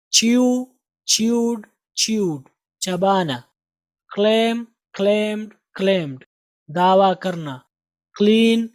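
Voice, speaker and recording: A man's voice: sits high, dry recording. Man drilling English words in Urdu. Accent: Indian Urdu. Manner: drills words with slow repeated pronunciation. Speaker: English teacher. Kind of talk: recorded lesson.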